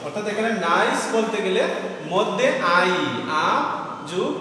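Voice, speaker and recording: A man's voice: sits high, recorded from a distance, crowd noise. Patient teacher man in echoey room. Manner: patient, repeats key words slowly. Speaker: English grammar teacher. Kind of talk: explaining lesson to students.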